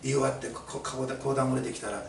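A man's voice: mid-range voice, steady tone, rapid-fire, creaky, background noise. A male pastor preaching a sermon to his congregation, emphatic and fond of rhetorical questions, recorded in an echoey church hall from a distance. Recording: echoey room, mic at a distance.

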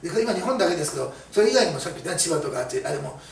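A man's voice: a little high, big pitch swings, very fast, creaky. A middle-aged man preaching a sermon as a pastor, telling stories chattily with many fillers. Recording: roomy, mic at a distance, faint hiss.

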